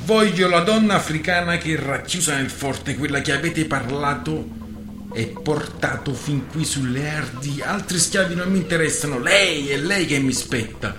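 A man's voice: medium pitch, normal speed, noisy background, pitched above the performer's own voice, natural voice. A man voicing a defiant one-armed male ex-Jesuit boatswain, insistent and formal, raised above his reading voice. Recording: roomy with music behind.

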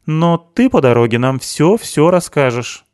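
A man's voice: fairly high pitch, sing-song, unhurried, darkish tone, no room sound, studio quality, voice pushed up. A man voicing a cheerful, teasing blonde young woman. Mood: playful. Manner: bubbly, teasing.

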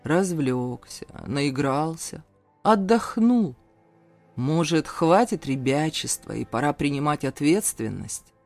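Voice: medium pitch, animated, faint music behind. A reader doing a brooding domineering father. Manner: slow, brooding, erupts into shouting. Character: stern powerful older father, domineering patriarch. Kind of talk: audiobook character voice.

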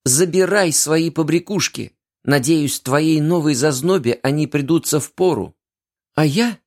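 A man voicing a heartbroken young woman who pleads tearfully and breaks into shrill outbursts. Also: unhurried. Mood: furious.

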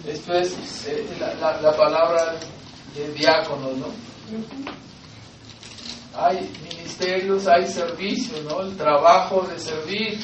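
High-voiced Mexican pastor preaching, echoey. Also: male voice, steady tone, takes it slowly, distant mic, noisy background. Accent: Mexican Spanish. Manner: emphatic, rising to loud exhortation, asks and answers rhetorical questions. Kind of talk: sermon.

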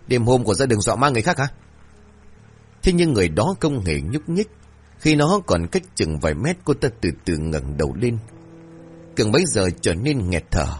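A man narrating a horror story in a dramatic, expressive way. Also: lowish voice, breathy edge.

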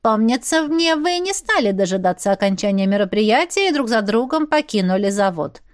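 A woman's voice: mid-range voice, animated, moderate pace, natural voice. A woman voicing a stern, suspicious older man who questions people in an accusing, official tone.

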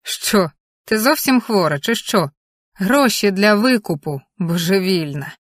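A woman's voice: medium pitch, animated, a little slow, no room sound, studio quality. A blunt, scornful kidnapper, as a woman reads him. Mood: curt, scornful. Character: gruff male kidnapper guarding a captive.

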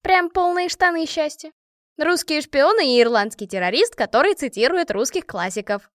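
A woman's voice: high-pitched, lively intonation, moderate pace, no echo, studio quality, pitched above the performer's own voice. A woman voicing a brash, sarcastic young woman who talks in a mocking, slangy way.

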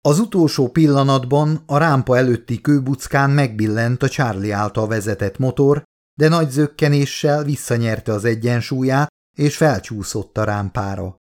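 A man reading his own audiobook aloud as narrator, in an even, measured storytelling voice. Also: mid-range voice. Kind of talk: scripted narration.

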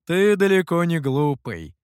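A sly master, put on by an audiobook reader teases in a calm, amused voice. The intonation moves a lot. The sound is dry and close. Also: male voice, on the high side, unhurried, smooth, no room sound. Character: sly, smug, teasing master.

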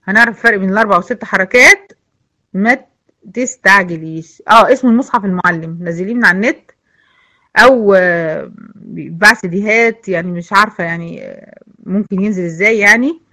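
A woman with an Egyptian accent teaching an online tajweed lesson, patiently repeating words and modelling slow recitation. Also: medium pitch, pushed and bright. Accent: Egyptian Arabic.

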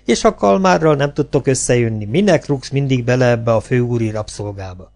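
A man's voice: mid-range voice, lively intonation, a little mellow, close to an everyday voice. A man voicing a worldly cabaret actress who lectures her friend in a weary, reproachful way. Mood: lecturing.

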